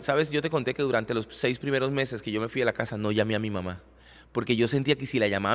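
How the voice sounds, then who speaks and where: A man's voice: mid-range voice, big-room sound. A man co-hosting a podcast, earnestly telling a personal faith story with emotion, often repeating and restarting words. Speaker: podcast co-host, worship leader. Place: recording studio.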